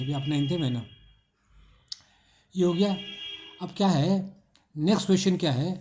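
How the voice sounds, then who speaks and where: A man's voice: fairly high pitch, dark tone. A middle-aged male teacher, explaining an English textbook exercise and patiently spelling words out letter by letter.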